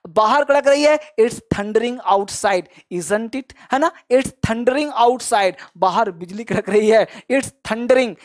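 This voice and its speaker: A man teaching a spoken English lesson, repeating example sentences slowly and adding encouraging, chatty asides to the learners. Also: very high-pitched. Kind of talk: online language lesson.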